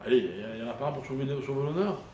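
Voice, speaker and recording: Racing along in an expressive, mid-range, darkish voice, a rabbi teaches a live Torah class to a small group in a room. He lays out Hebrew grammar step by step and quizzes his listeners, with echo and faint noise in the recording.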